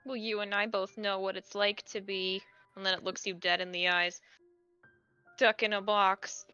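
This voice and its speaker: A woman's voice: mid-range voice, level tone, moderate pace, sharp tone, clear, resonant tone, no echo, highs cut off, faint music behind. A woman game master narrating a tabletop game in a casual, conversational way.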